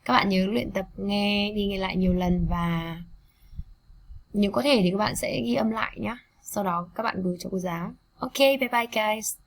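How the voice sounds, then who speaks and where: A woman English teacher with a Vietnamese accent, repeating vocabulary words slowly for students to copy and explaining them. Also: medium pitch. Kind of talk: vocabulary pronunciation drill.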